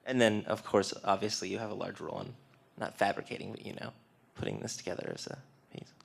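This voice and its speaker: A man's voice: lowish voice, quick pace, vocal fry, husky. A man asking a long, thoughtful question from the audience. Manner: thoughtful, rambling. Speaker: audience member.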